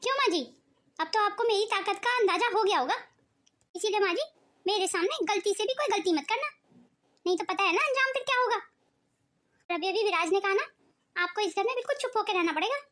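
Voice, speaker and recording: A woman's voice: extremely high pitch, animated, brisk, long pauses, a bit bright. A woman voicing a bossy, scheming young daughter-in-law in a cartoon, talking down with taunts and orders. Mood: gloating. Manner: taunting, commanding. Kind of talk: cartoon voice acting.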